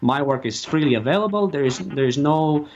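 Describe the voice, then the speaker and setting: A man giving opinions as a radio interview guest, speaking haltingly and emphatically and repeating his phrases. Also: a little high, expressive, darkish tone. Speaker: talk show guest and activist. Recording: muffled lo-fi audio, faint noise.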